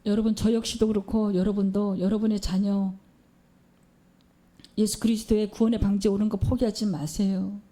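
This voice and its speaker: A woman's voice: medium pitch, level tone, moderate pace, mellow. A woman preacher giving a sermon in a church, telling a story and posing questions to the congregation.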